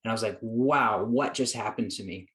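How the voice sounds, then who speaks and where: Here the American psychologist guest, also a productivity coach, has a lowish, fairly bright voice at a normal speed. He recounts his story in an earnest, reflective way, voicing his own past thoughts as he goes.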